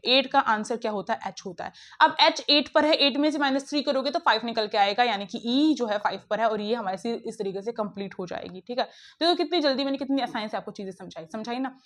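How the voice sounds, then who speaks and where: High-pitched woman teacher, brisk and pushy, keeps talking right to the kids. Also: a bit bright. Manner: brisk, coaxing, talks to students directly. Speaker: online teacher. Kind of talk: classroom lesson explaining puzzles.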